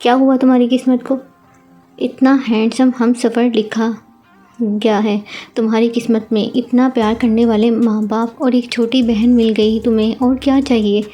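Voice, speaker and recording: Woman doing a stubborn young husband, teasing, flat delivery, mellow tone, storybook reading. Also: a little high, moderate pace, faint music behind, close to an everyday voice. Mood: irritated, teasing.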